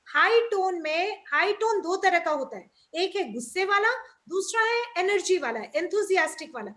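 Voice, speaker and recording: A woman's voice: very high voice, animated, moderate pace, a bit bright. A woman trainer giving an enthusiastic, upbeat webinar talk over a video call.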